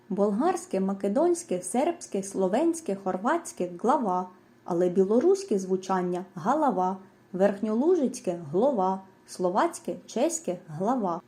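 A woman reading a scripted lesson, going through lists of example words in a clear, measured way. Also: mid-range voice, dark tone. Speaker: teacher. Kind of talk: scripted educational narration.

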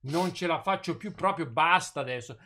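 A man's voice: fairly high pitch, moderate pace, sharp tone. A middle-aged father scolding his son, angry and stammering, repeating himself. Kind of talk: staged family prank vlog.

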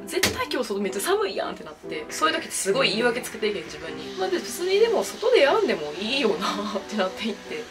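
A young woman with a Kansai accent, chatting casually to camera in her apartment as a vlogger, rambling and laughing as she tells stories. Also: medium pitch. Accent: Kansai Japanese. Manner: animated, laughing, rambling storytelling. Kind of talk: casual chatty night-routine vlog.

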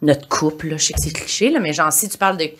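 A woman's voice: low voice, quick pace, slight background noise. A woman co-hosting a podcast, chatting expressively and laughing easily. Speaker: podcast co-host. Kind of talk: casual podcast chat.

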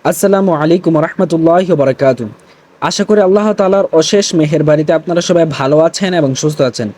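A man's voice: on the high side, quick pace, mellow. A man teaching an Urdu lesson, patiently spelling out letter sounds one by one. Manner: opens with Arabic blessings and greetings. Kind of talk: spoken Urdu lesson for Bengali speakers.

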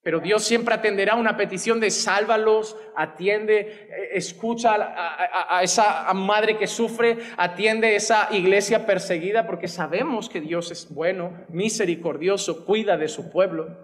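Behind a wooden pulpit on a church stage, a Spanish pastor in his thirties preaches passionately with wide arm gestures into a gooseneck mic, his accent from Spain. His high voice is steady and a little slow with hardly any pauses, trailed by a long reverb.

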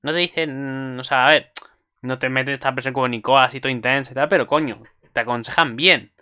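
A man's voice: medium pitch, steady tone, brisk, bright, forceful tone, clear, resonant tone. A man casually recapping an anime episode for his channel, rambling and swearing freely with asides to viewers.

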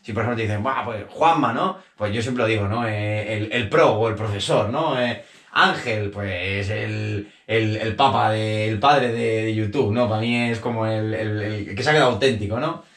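A man in his thirties from Spain hosting a casual sit-down interview on a sofa, talking in a chatty, animated way with lots of fillers. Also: on the low side, moderate pace. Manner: chatty, animated, gesturing with hands, many fillers and restarts. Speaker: interviewer, channel host. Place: small bedroom sitting on a sofa. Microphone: camera on a tripod a few feet away. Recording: echoey small room.

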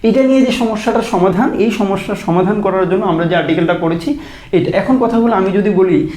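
A man with a high voice teaches an English vocabulary lesson. He asks questions aloud, repeats phrases, and stretches words slowly to show pronunciation. His voice rings in a roomy, echoey space. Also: darkish tone. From Bangladesh. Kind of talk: explanatory lesson.

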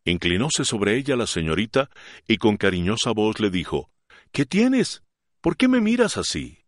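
A man reading a classic novel aloud as an audiobook narrator, in an expressive, dramatic way. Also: fairly low pitch, no room sound, studio quality.

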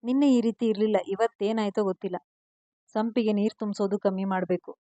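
A woman voicing a loving young husband, speaking softly and gently in a storybook reading. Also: medium pitch, fairly even intonation, fast, no room sound, lightly acted. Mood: tender.

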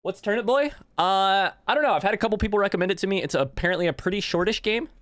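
A man's voice: sits high, expressive, fast, a bit bright, slight background noise. A man chatting loosely while playing a video game, swearing freely and joking with his chat. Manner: loose and profane, jokey. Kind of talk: casual let's-play commentary. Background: game music.

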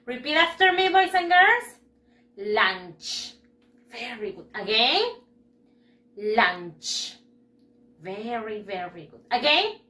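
Woman teacher, high animated voice, unhurried, echoey room. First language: Spanish. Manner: drills words, cheerful praise, switches between Spanish and English. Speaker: first grade English teacher. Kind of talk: bilingual lesson to children.

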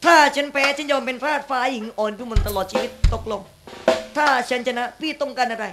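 A man's voice: extremely high pitch, fairly quick, voice pushed up. A man voicing a haughty young woman, a guardian spirit's daughter, in a shadow-puppet play, threatening intruders in a stern, formal way. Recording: loud puppet-theatre band music behind.

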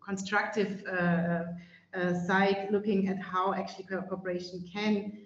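A woman's voice: medium pitch, level tone, a little slow. A woman climate expert giving a webinar presentation over a video call, speaking hesitantly with many fillers and restarts. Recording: echoey, dull-sounding video call audio.

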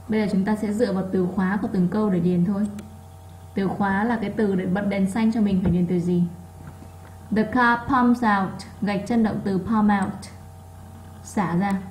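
A woman whose first language is Vietnamese, teaching English and going over a workbook test. She reads words slowly with marked stress so students can repeat them. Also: mid-range voice, warm tone, slight background noise, rough recording. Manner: drills pronunciation, reading words slowly with stress. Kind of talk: classroom lesson explanation.

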